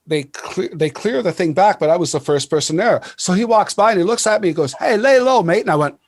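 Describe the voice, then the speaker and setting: A man hosting a casual chat, telling stories in an animated way with laughs and many restarts. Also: sits high, fast talker, dry recording, studio quality. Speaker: podcast host.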